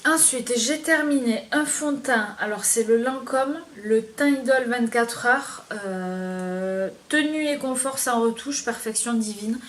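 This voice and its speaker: A woman's voice: fairly high pitch, a little slow, few pauses. A woman beauty vlogger reviewing her used-up products in a casual, hesitant way, with many fillers.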